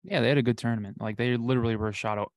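A man co-hosting a casual sports podcast, dropping wry asides and quick agreements. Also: medium pitch, steady tone, dry recording, clean studio sound. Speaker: podcast co-host.

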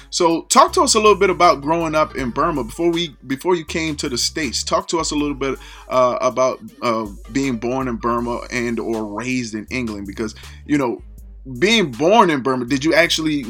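A man's voice: medium pitch, a bit bright. A man hosting a radio interview show, hyped up and rambling through long questions full of fillers.

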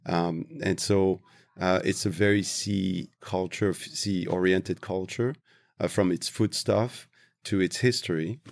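A low, gravelly man from Tunisia speaks as an interview guest. He is reflective and unhurried, pausing to search for his words. The recording is dry and close. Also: fairly even intonation, a little mellow, dry recording. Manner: thoughtful, slow, searching for words. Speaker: interview guest, travel industry professional.

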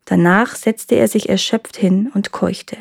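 Brief: a woman storyteller, calm and measured fairy-tale reading, close and dry. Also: mid-range voice, creaky, breathy edge, dry recording. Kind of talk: reading a folk tale aloud.

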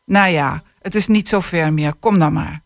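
Woman narrator voicing a tired dad, soft-spoken and short of breath, dry close mic. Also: deep voice, normal speed, vocal fry, dry recording. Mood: weary gentle. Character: tired, breathless father on a bike ride.

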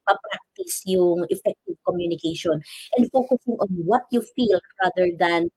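A woman coach speaking calmly and patiently, explaining step by step and ending her phrases with a questioning "no?". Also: on the low side, normal speed, breathy edge, dry recording, poor audio. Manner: calm, explanatory, ends phrases with "no?". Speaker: guest coach. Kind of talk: advice talk on a talk show.

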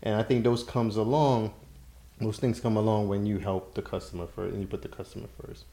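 A man's voice: on the low side, fairly even intonation, brisk, gravelly, mellow. A man from Brooklyn hosting an interview, agreeing often and affirming his guest. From Brooklyn, New York. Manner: affirming, gives frequent backchannel agreement. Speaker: interview host.

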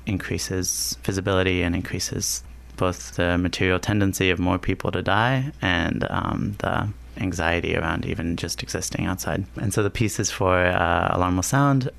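Composer guest, male, from D.C.; gravelly yet smooth-toned, hesitant and reflective. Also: low voice, a bit bright. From Washington, D.C., USA. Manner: halting, restarts phrases, searching for words. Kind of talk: thoughtful conversational interview.

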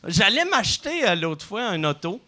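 Lively joking Québécois man. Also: high voice, normal speed. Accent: Québécois French. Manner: crude, joking, laughs often. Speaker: podcast host. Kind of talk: casual sponsor read with jokes.

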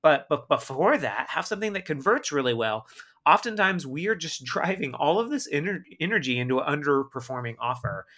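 A man's voice: a little high, a little fast. A man being interviewed on a podcast, talking emphatically and often ending points with "right?". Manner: energetic, emphatic, frequent "right?" tag questions. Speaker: guest marketing expert.

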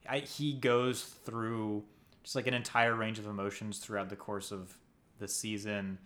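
A man hosting a casual chat about TV awards, earnest and quick to laugh, with hesitant fillers. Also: on the low side, level tone, a bit bright. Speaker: podcast host.

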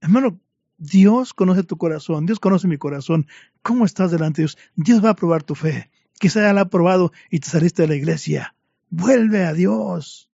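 A man's voice: a little high, brisk, creaky, mellow, no room sound. A man preaching a fervent sermon to his congregation, addressing them again and again as brothers, in a dull lo-fi recording.

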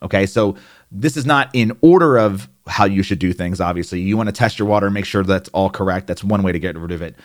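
A man's voice: low voice, fast talker. Plainspoken New Jersey man explaining. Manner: conversational, plainspoken, with asides and fillers. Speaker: hot tub care instructor. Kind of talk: instructional explainer.

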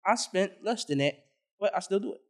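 A man's voice: high voice, lively intonation, brisk. A young man co-hosting a podcast who tells crude, joking stories in casual chat. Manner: loud, crude, joking storyteller. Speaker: podcast co-host.

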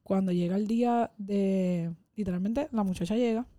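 A woman's voice: medium pitch, moderate pace, warm tone, dry recording, clean studio sound. A woman telling workplace anecdotes in casual conversation, now and then slipping English words in. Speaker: podcast co-host. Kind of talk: casual storytelling chat.

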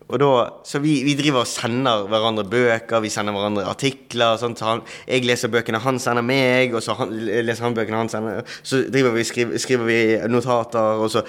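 A man, a talk-show guest, telling his story in an animated way with many fillers and restarts. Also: medium pitch, hardly any pauses, smooth. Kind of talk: testimony in a talk-show interview.

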